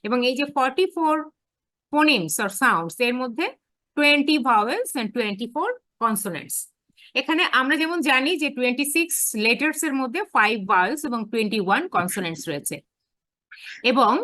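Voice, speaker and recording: A woman, lecturing on phonetics. Her voice sits a little high, and she talks deliberately in English, then speeds up to explain. The sound is close and dry, with no room echo. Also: sharp tone. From Bangladesh. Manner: switches between careful slow English and brisk Bengali explanation. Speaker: university English teacher.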